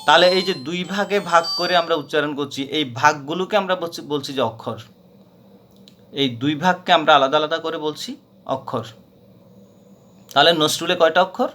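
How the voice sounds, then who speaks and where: A man's voice: on the high side, normal speed, long pauses, pushed and bright, slight background noise. A man teaching a grammar lesson, patiently repeating points with frequent hesitations. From Bangladesh.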